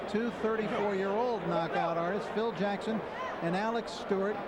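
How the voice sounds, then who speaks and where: An American man calling a boxing match as the play-by-play announcer in live sports commentary. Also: high voice. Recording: loud crowd noise, live arena broadcast. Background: loud fight crowd in arena.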